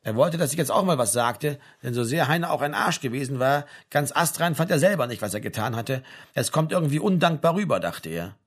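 Husky male audiobook narrator. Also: mid-range voice, animated, a little fast, few pauses. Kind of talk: scripted narration.

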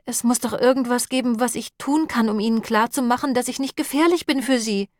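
A woman voicing a tense young woman held at gunpoint who answers in a sharp, defiant manner. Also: on the high side, brisk, no echo, clean studio sound, pitched above the performer's own voice, natural voice. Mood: desperate.

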